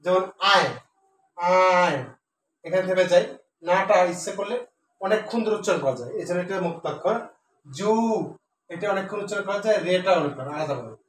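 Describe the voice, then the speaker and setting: High-voiced male teacher, echoey room. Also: fairly bright tone, recorded from a distance, a little hiss or hum. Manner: slow, syllable-by-syllable recitation and explanation. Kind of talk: classroom lesson on Bengali poetic meter.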